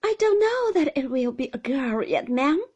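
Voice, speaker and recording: A woman's voice: very animated, measured pace, mellow. Woman doing a trembling, timid young mother. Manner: trembling and high-strung. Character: timid, fragile young mother, easily frightened.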